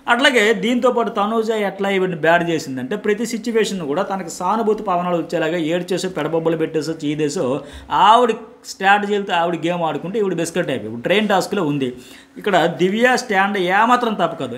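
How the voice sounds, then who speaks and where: A middle-aged male journalist delivers a solo reality-show commentary at a very quick clip. His voice sits a little high for a man, and he presses his points hard, repeating words to drive them home. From India. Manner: emphatic, animated, repeats words for effect.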